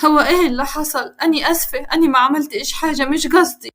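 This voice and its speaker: A woman's voice: high voice, racing, fairly bright tone. Woman voicing a timid, frightened young village girl. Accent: Upper Egyptian. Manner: pleading, apologetic.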